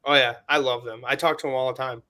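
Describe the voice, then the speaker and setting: A man's voice: medium pitch, fairly even intonation, fast, bright, forceful tone. A man co-hosting a podcast, talking in a laid-back way and laughing often. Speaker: podcast co-host. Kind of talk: casual chat.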